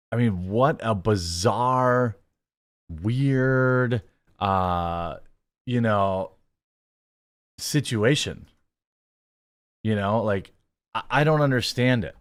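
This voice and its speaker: A man hosting a show, giving casual reaction commentary in a rambling, halting, conversational way. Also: lowish voice, no room sound.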